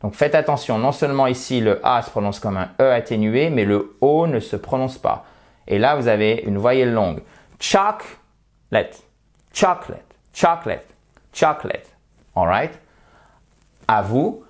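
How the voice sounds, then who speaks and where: This medium-pitched, slightly mellow male voice belongs to an online English pronunciation teacher. He talks with viewers in a relaxed way and repeats example words slowly so they can drill them.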